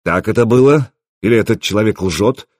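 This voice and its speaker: A man's voice: lowish voice, a little fast, a little mellow, dry recording, clean studio sound, natural voice. A man doing a stern, impassive Viking chief. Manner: dispassionate, stern.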